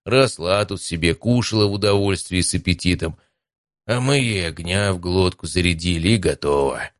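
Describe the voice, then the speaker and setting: A man's voice: deep voice, normal speed, no echo, clean studio sound, close to an everyday voice. A man voicing a mild, laid-back young male adventurer in an audiobook. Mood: easygoing. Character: good-natured easygoing young male adventurer. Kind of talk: audiobook character voice.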